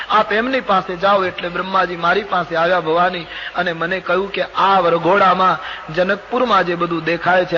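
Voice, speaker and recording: An older man with a Gujarati accent, telling a devotional scripture story and acting out the characters' lines with expression. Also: high voice. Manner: expressive, acts out dialogue of gods and characters. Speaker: storyteller preacher. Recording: dull lo-fi old recording with faint hiss.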